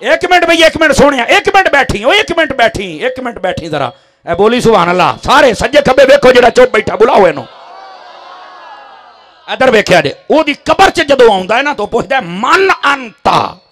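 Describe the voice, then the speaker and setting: A man with a Punjabi accent preaching a fiery sermon to a gathering, swinging from low asides to shouted, impassioned climaxes. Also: very animated, normal speed.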